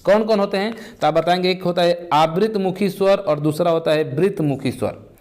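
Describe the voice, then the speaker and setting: A man's voice: high-pitched, normal speed, darkish tone. A man teaching an exam-prep lesson, who asks the class questions and answers them himself, repeating the key terms step by step.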